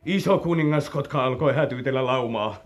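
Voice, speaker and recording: A man's voice: medium pitch, lightly acted. An actor playing an anxious farmer father who stammers in a 1950s school radio drama. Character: worried mountain farmer father.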